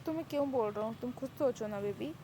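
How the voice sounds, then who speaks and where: A woman voicing a possessive male vampire king who teases and threatens in a low, soft voice. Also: quick pace, background noise, lightly acted. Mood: teasing. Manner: teasing, calls her baby, low threats. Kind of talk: Hindi fan-fiction audio story.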